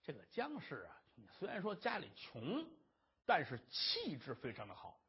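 Brief: traditional storyteller, husky, animated, lo-fi. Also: medium pitch, normal speed. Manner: animated, dramatic. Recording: dull lo-fi recording.

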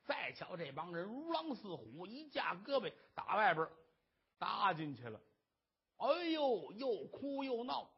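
Brief: traditional storyteller, husky, animated, lo-fi. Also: mid-range voice, moderate pace. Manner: animated, dramatic. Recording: dull lo-fi recording.

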